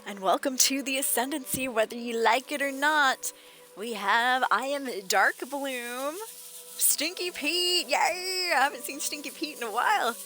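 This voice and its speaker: A woman's voice: sits high, moderate pace, sharp tone. A woman doing casual, playful live commentary as a game streamer, with music in the background.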